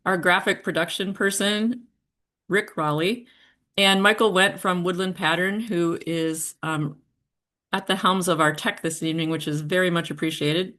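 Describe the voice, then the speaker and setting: A woman's voice: fairly low pitch, a bit bright. A woman hosting a virtual poetry reading from home over a video call, giving polite, orderly instructions with frequent ums. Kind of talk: organized welcome and event instructions. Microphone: computer mic on a video call.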